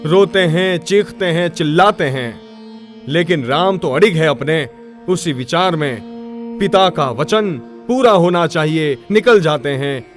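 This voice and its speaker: Brief: male monk preacher, high voice, expressive storytelling sermon. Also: measured pace, faint music behind. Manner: expressive, switching into acted voices.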